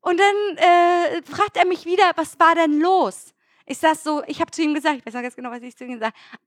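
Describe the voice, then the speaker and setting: A young woman from Germany telling an angry everyday story in casual chat, animated and swearing, acting out what people said. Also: very high-pitched, quick pace, no echo, studio quality. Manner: animated, swearing, acts out dialogue.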